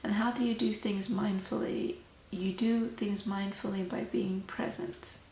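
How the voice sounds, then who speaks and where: A woman talks in a soft-spoken ASMR chat, gentle and unhurried. Her voice has a noticeable creak, and it sits in a roomy, echoing space with faint noise behind it. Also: medium pitch, fairly even intonation. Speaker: host of a tea meditation channel.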